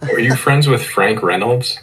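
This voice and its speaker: A man's voice: medium pitch, a little slow, a bit bright, husky, rough recording. A man appearing as a podcast guest in casual chat, wisecracking and swearing freely.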